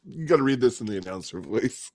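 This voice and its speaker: A man's voice: mid-range voice, lively intonation, quick pace, darkish tone, no room sound, clean studio sound. A man co-hosting a casual podcast, teasing his friends and laughing often. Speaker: co-host.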